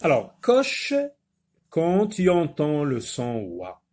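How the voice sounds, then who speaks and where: A man teaching a phonics lesson, repeating words slowly and patiently, sometimes explaining in Arabic. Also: fairly high pitch, huge pitch swings, a little mellow. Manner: switches briefly into Arabic to explain. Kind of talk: primary school phonics lesson.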